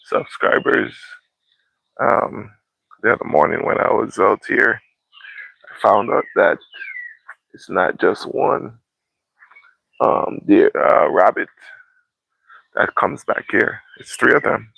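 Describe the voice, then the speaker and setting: A man hosting a casual livestream outdoors, chatting to viewers in an unhurried, repetitive way. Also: lowish voice, expressive, creaky, pushed and bright, slightly rough, dry recording. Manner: unhurried, repeats welcomes and phrases. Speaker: livestream host. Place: outdoors in a yard in the morning. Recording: tinny phone-like sound.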